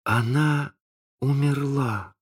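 A man voicing a boastful, excitable boy leader in a read-aloud storybook, in a high, bright boyish voice. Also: very slow, breathy edge. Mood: puzzled.

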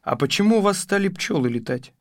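A woman voicing a calm, puzzled father in a lowered, mild voice. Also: no echo, clean studio sound. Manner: low, slow, mild.

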